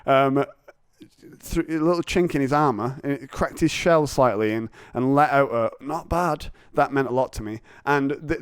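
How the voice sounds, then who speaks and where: A man's voice: mid-range voice, smooth, dry recording, studio quality. A man hosting a podcast, chatting in a rambling, jokey, confessional way. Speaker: podcast host. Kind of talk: casual chat.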